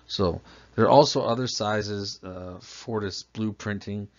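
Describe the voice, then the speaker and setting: Speaking at a measured pace, a man with a voice on the low side narrates a slideshow plumbing lesson. As the instructor, he explains things patiently one step at a time and asks the listener questions, all in a dull lo-fi voice-over.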